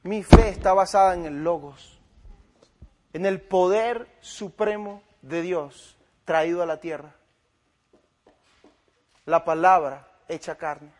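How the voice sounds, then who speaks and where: A man with a high-sitting voice preaches in a sermon-style story, speaking slowly and pausing often. He retells an argument with another pastor, quoting both sides of the dialogue and swinging from loud to quiet.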